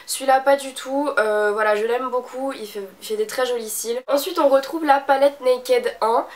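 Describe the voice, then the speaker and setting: A woman's voice: high-pitched, moderate pace. A young woman from France, a beauty vlogger with a stuffy nose, chatting casually with many fillers and restarts. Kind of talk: casual chat.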